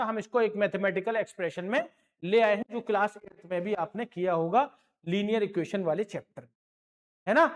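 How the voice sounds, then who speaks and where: Slow, encouraging male maths teacher. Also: very high voice. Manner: encouraging, repeats points, calls students "my children"; mixes English terms into Hindi explanations. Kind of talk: online classroom lesson.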